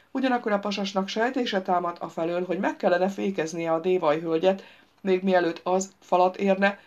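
A woman reading a humorous novel aloud as an audiobook, with lively, wry storytelling, on a dull lo-fi recording. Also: fairly low pitch. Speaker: audiobook narrator.

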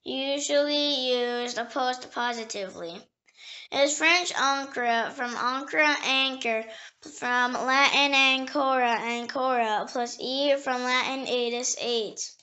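High-voiced woman reading dictionary entries slowly. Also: pushed and bright, muffled recording. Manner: slow, careful reading, spelling words letter by letter, with small slips and restarts. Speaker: dictionary reader.

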